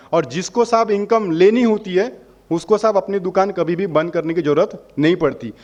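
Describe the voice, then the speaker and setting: A man's voice: high voice, lo-fi sound. Persuasive man explaining a membership. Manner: persuasive, asks questions and answers them himself. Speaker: holiday membership company representative. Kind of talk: explaining a sales pitch to customers.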